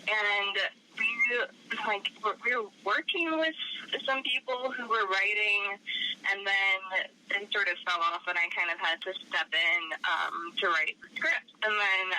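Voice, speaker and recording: A woman's voice: mid-range voice, measured pace, bright, forceful tone, a little hiss or hum, poor audio. A young woman from Arizona with a cold, a guest author talking in a casual interview, chatty and giggly with many fillers. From Arizona, USA. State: has a cold.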